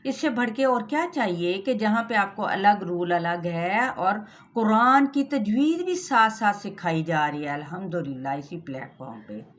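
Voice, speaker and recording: A woman with a Pakistani Urdu accent teaching Quran recitation rules, patiently explaining step by step and drilling each sound slowly. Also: mid-range voice, expressive. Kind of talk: tajweed lesson with recitation.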